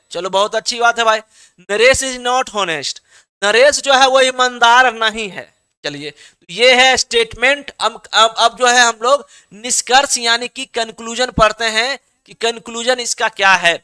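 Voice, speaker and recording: A man's voice: extremely high pitch, sharp tone, clean tone. A man teaching an online exam-prep class, who reads out students' answers and keeps coaxing them, checking often that they have understood.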